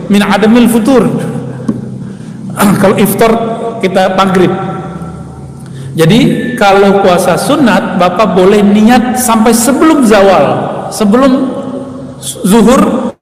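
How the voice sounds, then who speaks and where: A man preaches in an easygoing, chatty manner, talking straight to his audience. His voice sits high for a man. The sound rings with a long hall reverb. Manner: relaxed conversational preaching, addressing listeners as Pak. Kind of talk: sermon. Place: echoing hall. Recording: echoey hall recording.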